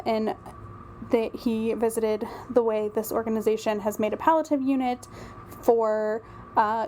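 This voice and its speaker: A woman's voice: fairly high pitch, a little mellow, a little hiss or hum. Chatty woman, rambling commentary. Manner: chatty, rambling, frequent ums. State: a little out of breath. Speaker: royal news commentator. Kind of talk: casual solo commentary.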